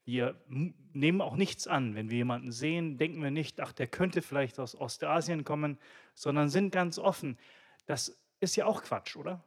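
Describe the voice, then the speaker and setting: A man from Swabia, co-hosting a radio discussion, arguing his points in a reflective, measured way. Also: on the high side. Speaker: radio co-host.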